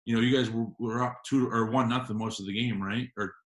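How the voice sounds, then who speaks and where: A man's voice: mid-range voice, fairly even intonation, fast talker. A young man hosting a casual interview podcast, talking in a laid-back, loose way. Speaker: podcast host.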